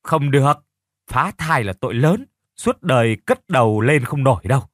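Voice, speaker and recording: A man voicing a sharp-tongued, worried middle-aged woman who scolds loudly. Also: medium pitch, sing-song, normal speed, no echo, studio quality. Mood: alarmed. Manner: scolding, alarmed.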